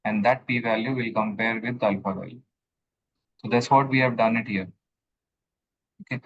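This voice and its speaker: A man's voice: mid-range voice, a bit bright. Guy walking a student thru stats on a screen share, dull muffled call audio, keeps asking okay?. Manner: explanatory, checks in with the student. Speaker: instructor. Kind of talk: statistics coding lesson.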